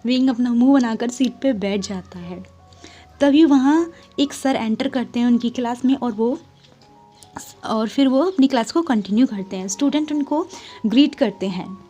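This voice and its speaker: A woman's voice: fairly high pitch, dark tone, dull audio. A woman casually retelling a fan story, chatting aside to her listeners. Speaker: fanfiction storyteller.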